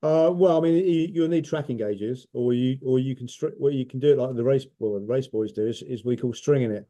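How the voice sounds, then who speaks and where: A man's voice: mid-range voice, a little fast, dark tone. A man giving casual, informal technical explanations as a specialist answering questions, step by step.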